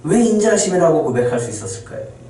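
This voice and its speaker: Male pastor, fairly high voice, preaching in a very echoey church from a distant mic. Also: sing-song. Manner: preaching with dramatic pauses and quoted complaints. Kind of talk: sermon. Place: church sanctuary. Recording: loud echo, distant mic in church hall.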